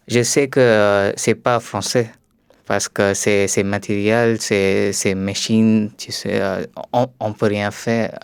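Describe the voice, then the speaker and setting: Slow, smooth-voiced man with an Indian accent. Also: lowish voice, no room sound. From India, Tamil Nadu. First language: Tamil. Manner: hesitant, careful learner's French with many fillers. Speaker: guest, French learner. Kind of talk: radio interview. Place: radio studio.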